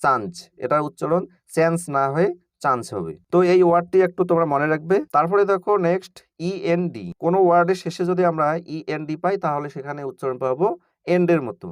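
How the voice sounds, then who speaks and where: A man's voice: fairly high pitch, quick pace, clean tone, dry recording. A man teaching an online lesson, spelling words letter by letter and then pronouncing them, while speaking directly to his students. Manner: addresses students informally and directly. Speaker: English reading teacher.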